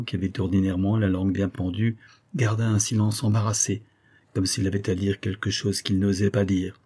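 A man reads a classic novel aloud in a measured, even narration. His voice sits low and dark, with a husky grain. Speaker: audiobook narrator. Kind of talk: literary audiobook narration.

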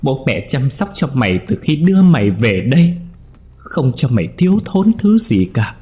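A man voicing an older adoptive mother who scolds in a shrill, stammering rage. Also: animated, a little slow, soft background music. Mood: furious.

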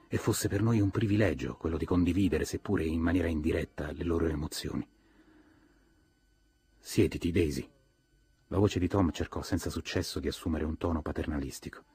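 A man's voice: deep voice, vocal fry, darkish tone, breathy edge, no echo. A man reading a novel aloud as an audiobook, acting out the characters' lines with a raised voice. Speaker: audiobook narrator.

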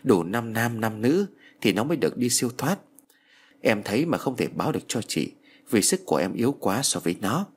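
A man's voice: mid-range voice, sing-song, a little fast, breathy edge. A man reading the lines of a kind, timid young male ghost who gives an earnest warning.

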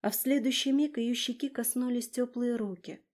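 A woman narrating a fantasy audiobook in a steady, even storytelling manner. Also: fairly high pitch, moderate pace. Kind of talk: scripted narration.

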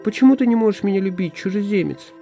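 A woman's voice: mid-range voice, animated, fast talker, mellow, faint music behind, voice pushed up, natural voice. Aisarana, a man voicing a lovesick forest maiden. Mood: longing. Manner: pleading, breathless, intense. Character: passionate young forest woman, lovesick.

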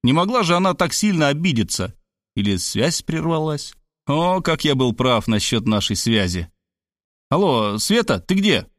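A man's voice: a little high, normal speed, no room sound, clean studio sound. Wry middle-aged male audiobook narrator. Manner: wry, self-ironic, lively with voiced quotes. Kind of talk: first-person audiobook narration.

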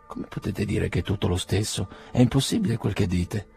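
A shy, gentle young peasant woman who speaks earnestly, as a man reads her aloud. The voice stays fairly low and dark, with a husky edge. This is a storybook reading. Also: fairly quick, full character voice.

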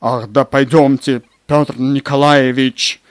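A man's voice: medium pitch, no echo, lightly acted. A man voicing an impatient, hungry deputy prosecutor who sighs, drawls and pleads to leave. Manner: drawn-out, sighing, pleading to leave.

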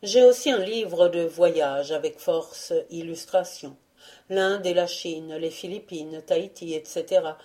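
A woman reading memoirs aloud as a volunteer audiobook reader, in a measured, wry way. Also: fairly low pitch, mellow.

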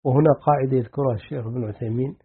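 A man, a sheikh, calmly explaining hadith to a class and checking that they follow. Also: medium pitch, racing. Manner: calm, explanatory, asks the class "clear?". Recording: tinny lo-fi lesson recording.

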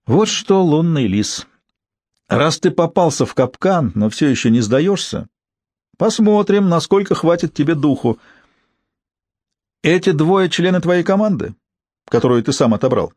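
Brief: man reading as a menacing gendarme colonel, pitched up, dry and close. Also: expressive, unhurried, long pauses, darkish tone, no echo. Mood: threatening. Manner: threatening, commanding. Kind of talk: audiobook character voice.

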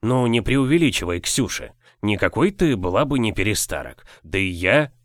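A man reading an audiobook, voicing an aging official husband in his fifties, slow, fond and paternal. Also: fairly low pitch, sing-song, dry recording. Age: 50s.

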